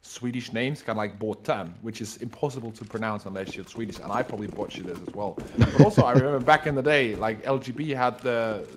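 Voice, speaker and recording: A man with a deep, husky voice co-commentating esports over an online voice call, analysing play in a hesitant, conversational way. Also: a little fast, few pauses, a crowd in the background. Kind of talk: live esports commentary and banter. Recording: noisy voice chat with clicks, gunfire.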